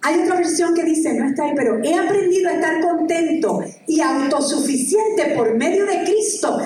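In a large, reverberant hall, a distant, high-pitched woman preaches an excited, exclamatory sermon, breaking into scripture readings between bursts of enthusiasm. Faint ambience and slight background noise sit beneath her voice.

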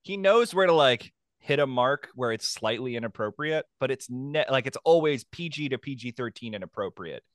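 A man in his thirties co-hosting a podcast, animated and joking, laughing often. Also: mid-range voice, normal speed, few pauses, no room sound, clean studio sound. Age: 30s. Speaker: podcast co-host. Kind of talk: casual chat.

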